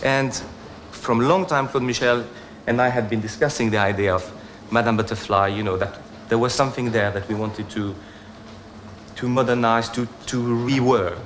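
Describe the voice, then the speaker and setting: A man recalling how a stage show began, in a reflective, slightly halting documentary interview. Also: medium pitch, steady tone, a bit bright, a little hiss or hum.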